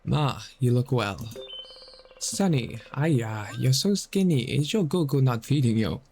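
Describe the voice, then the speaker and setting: A man's voice: animated, measured pace, a little mellow, a little hiss or hum. A man reading a fussing middle-aged mother's game dialogue aloud in an exaggerated put-on voice. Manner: exaggerated put-on voice, higher than his own.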